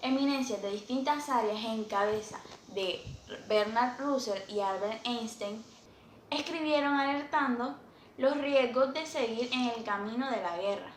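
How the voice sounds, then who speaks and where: A woman with a fairly high voice reads her script firmly and briskly. The room is echoey, with faint noise underneath. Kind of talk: scripted reading.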